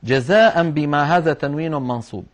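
Man teaching, chanting examples slowly. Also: mid-range voice. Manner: patient step-by-step explaining, chanting examples slowly. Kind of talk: explanatory lesson on Quran orthography marks.

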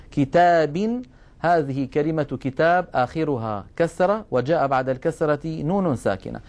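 A middle-aged man giving a classroom-style lesson, explaining patiently and drawing out example words slowly. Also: fairly high pitch, darkish tone. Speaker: Quran recitation rules teacher.

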